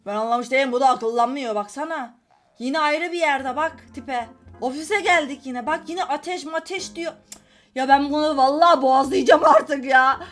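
A woman hosting a gaming channel, giving casual gameplay commentary, scolding the characters and swinging from high squeals to low muttering. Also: moderate pace, fairly bright tone, soft background music.

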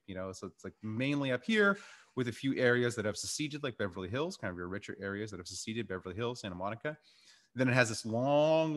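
A man's voice: fairly low pitch, fairly bright tone. A middle-aged man lecturing informally over slides, explaining things in a conversational way. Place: indoors in a warehouse.

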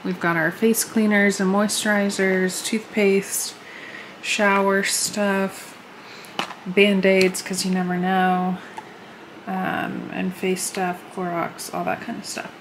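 A woman's voice: medium pitch, little pitch movement, takes it slowly, background noise. A woman in her thirties chatting casually at home as she lists what she is packing for a trip, a bit short of breath from a flu. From United States. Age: 30s. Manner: chatty, lists items as she shows them. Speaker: vlogger. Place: home living room, indoors.

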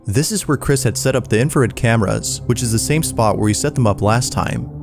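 A man narrating a scary video compilation in a measured, suspenseful scripted voice-over. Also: mid-range voice, creaky, music in the background.

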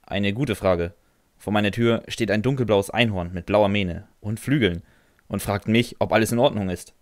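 A man's voice: on the low side, moderate pace, no echo. A man narrating a first-person fan audio drama in a dry, sardonic way, answering with hesitant "äh"s.

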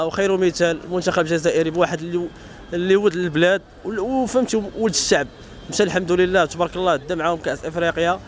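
A man's voice: high voice, slight background noise. A man with a Moroccan accent giving an indignant street opinion, talking emphatically. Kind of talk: street vox pop interview.

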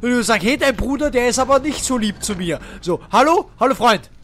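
High, excitable Austrian gamer guy. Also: a little fast, a little hiss or hum. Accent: Austrian German. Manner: excitable, joking, swearing, yelping when scared. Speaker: let's play host. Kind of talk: gameplay commentary.

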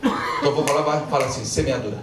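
Preaching quickly in a slightly high voice, this man guides his congregation through a call-and-response sermon, tossing in jokes as they echo his lines. The sound comes from a distance in a big, reverberant church hall, with background noise and the crowd clearly heard.

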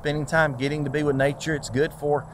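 A man's voice: fairly high pitch, level tone, quick pace, slight background noise. A man hosting a casual walk-and-talk vlog outdoors in a park, an easygoing, rambling talker with plenty of fillers who shares his own story as a transplant recipient.

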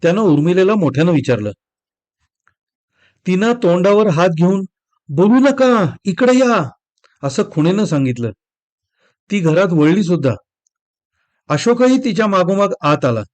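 A man reads a short story aloud as an expressive audiobook narration. His voice sits high for a man, and he carries the scenes with steady storytelling. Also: moderate pace, pauses often. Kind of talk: scripted narration.

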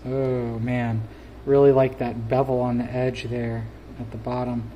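A man's voice: medium pitch, little pitch movement, unhurried, dark tone, dull audio, slight background noise. A man giving casual unboxing commentary as a gear reviewer, chatty and enthusiastic, with plenty of fillers.

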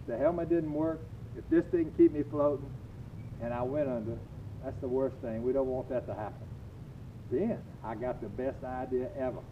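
An older man with a Cajun accent gives a folksy, humorous demonstration to camera, speaking deliberately in short phrases with drawn-out emphasis. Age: older, 60s-70s. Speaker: coach presenting a home video. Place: waterside backyard dock, outdoors. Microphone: camera a few metres away. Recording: tinny narrow-band outdoor audio, rumbling noise.

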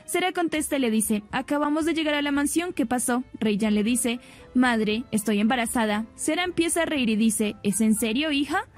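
A woman's voice: sits high, animated, moderate pace. A woman narrating a soap opera recap, retelling each scene and quoting the characters in her own plain voice. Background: faint background music.

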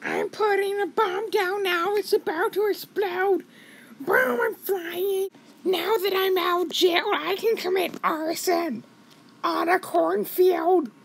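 A man voicing a mock-sinister cartoon villain in a slow, creaky, high put-on voice with a mustache-twirling delivery. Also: fairly even intonation, a bit bright, full character voice. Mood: gleeful scheming. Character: gleeful cartoon top-hat villain, mock-sinister and dim.

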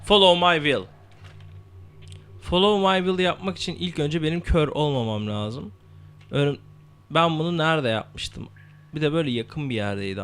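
Bright-voiced young man swearing through a game. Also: mid-range voice, slight background noise. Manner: swearing, shouting spell words into the mic. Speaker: gameplay commentator. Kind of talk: let's play commentary.

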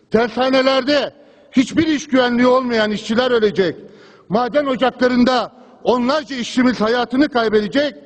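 In a large parliament chamber echoing with long hall reverb, a man with a very high voice takes the rostrum for a fervent political speech. Hammering one refrain over and over, the member of parliament keeps going despite interruptions.

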